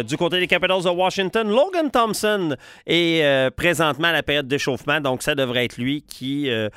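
A man with a Quebec French accent, hosting a radio show, interviewing a guest and reading station announcements in a brisk, upbeat way. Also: fairly high pitch, bright, forceful tone, smooth, dry recording, studio quality. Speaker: radio host. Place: radio studio.

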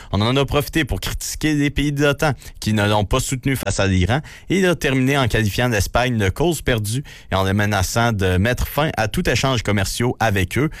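A man with a Quebec French accent and a medium-pitched voice, recorded dry, reads traffic and news items on the radio. He delivers the bulletin briskly and matter-of-factly, tossing in slangy asides between items.

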